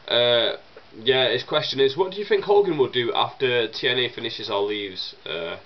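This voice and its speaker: Answering viewer questions for his vlog, this young man sounds chesty from a cold, sniffling and coughing between thoughts. He talks at a normal speed in an expressive, medium-pitched voice, chatty and rambling with plenty of fillers and restarts. The audio is muffled, with slight background noise.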